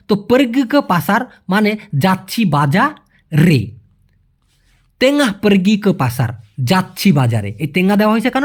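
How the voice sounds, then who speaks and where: Man explaining a lesson, lively pitch. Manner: explains patiently, repeats phrases slowly, asks "clear?". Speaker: language teacher. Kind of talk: casual spoken language lesson.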